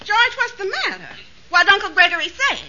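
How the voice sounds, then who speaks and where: A woman's voice: very high voice, big pitch swings, fast, bright, forceful tone, heavily acted. A woman playing an exasperated, nagging wife in an old radio sitcom. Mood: concerned, scolding. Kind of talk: 1950s American radio sitcom acting. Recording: muffled, noisy old radio recording.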